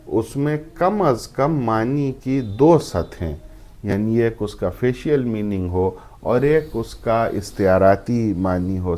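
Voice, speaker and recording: A man hosting a conversation on poetry, speaking in a measured way with frequent hesitations. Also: lowish voice, dark tone. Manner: measured, hesitant with many fillers. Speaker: host. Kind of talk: interview.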